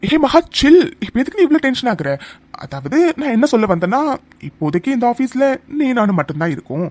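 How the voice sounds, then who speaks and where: A voice actor doing a leering young office creep from a cartoon who stalks a coworker after hours. His voice swings up and down as he teases and insinuates, smug and unhurried. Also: medium pitch, very animated, darkish tone. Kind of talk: cartoon voice acting.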